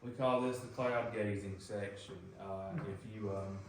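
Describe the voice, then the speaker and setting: A man's voice: lowish voice, steady tone, measured pace. Echoing cave guide, Southern US man. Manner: joking, folksy. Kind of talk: informal guided tour talk. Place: inside a limestone cave. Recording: echoing cave, distant mic, noisy.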